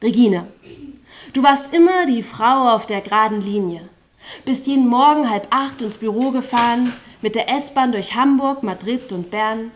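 A woman's voice: on the high side, normal speed, a little hiss or hum. A woman performing spoken-word poetry on a live stage without a microphone, with rhythmic delivery and stuttering, chant-like refrains.

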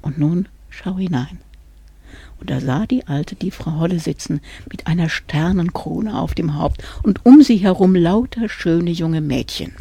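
Woman storyteller in a studio, gravelly dark husky voice, folk tale telling. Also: lowish voice, lively intonation, moderate pace, no echo. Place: radio studio.

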